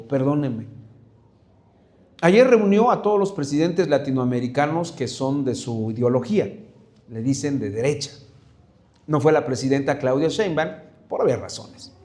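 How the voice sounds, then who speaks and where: A man's voice: fairly high pitch, mellow. A middle-aged man preaching a sermon as pastor, conversational and hesitant, often repeating words and asking the congregation to repeat after him.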